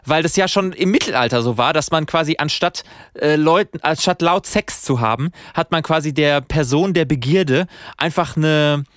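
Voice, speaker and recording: A man co-hosting a casual comedic chat, quick and teasing with jokes. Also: fairly high pitch, fairly bright tone, dry recording, studio quality. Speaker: podcast co-host.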